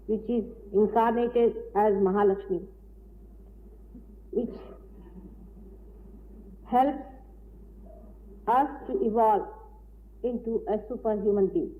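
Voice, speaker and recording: A woman giving a deliberate, explanatory spiritual lecture, heard on an old tape recording. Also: mid-range voice. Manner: deliberate, explanatory, with frequent pauses. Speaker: spiritual teacher. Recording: tinny old lecture tape with faint hiss.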